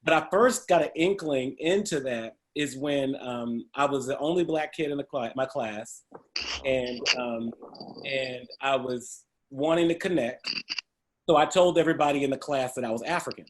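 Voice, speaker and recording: Against a noisy background, a middle-aged man recounts stories of his life during a casual interview, full of humor and frequent laughter. His voice is medium-pitched and he speaks at normal speed.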